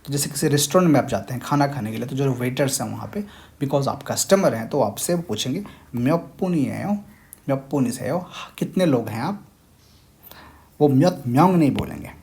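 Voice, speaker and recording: A man's voice: mid-range voice, lively intonation, brisk, creaky, darkish tone. Man, young adult, language teacher, patient step-by-step tutorial. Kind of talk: screen-share tutorial explanation.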